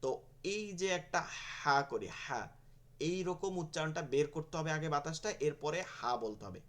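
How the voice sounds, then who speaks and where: Patient male teacher, a bit high-voiced, repeats each letter sound for students. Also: expressive, brisk. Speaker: Quran teacher. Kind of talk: online pronunciation lesson.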